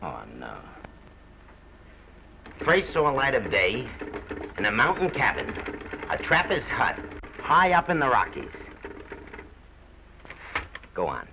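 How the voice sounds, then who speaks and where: A man's voice: mid-range voice, huge pitch swings, slow, gravelly, long pauses, noisy background, full character voice. An actor playing a brash, sarcastic male studio press agent who spins theatrical stories, in a 1930s film. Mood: sardonic. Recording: dull 1930s film soundtrack.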